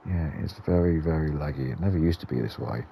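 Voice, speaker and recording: A man's voice: rumbling low, fast talker, vocal fry, highs cut off, a little hiss or hum. A British man giving rambling, understated, casual gameplay commentary as the host of a gaming video.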